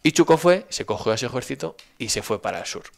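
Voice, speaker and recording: Gravelly-voiced Spanish storyteller man. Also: mid-range voice, fast talker. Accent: Spain. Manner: animated, folksy, frequent "¿vale?" check-ins. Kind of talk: storytelling in casual chat.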